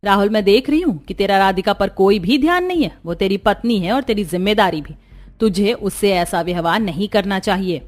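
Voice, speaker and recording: A woman's voice: medium pitch, animated, a little fast, lightly acted. A woman voicing a kind, caring middle-aged mother-in-law who speaks soothingly but firmly. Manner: soothing, gently firm. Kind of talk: cartoon story voice acting.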